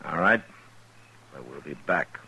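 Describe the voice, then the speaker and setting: An American man acting a stern, level-headed Old West marshal in a 1950s radio western, speaking in a measured, firm, understated way. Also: very deep voice, lively intonation, pushed and bright, slightly rough, full character voice. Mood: firm, resigned. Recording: noisy 1950s radio broadcast recording.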